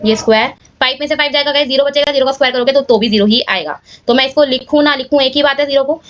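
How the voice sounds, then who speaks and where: A woman's voice: sits high, rapid-fire, muffled recording. A woman teaching maths step by step in a casual manner, often checking in with viewers. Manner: casual, addresses viewers as guys, checks with "clear?".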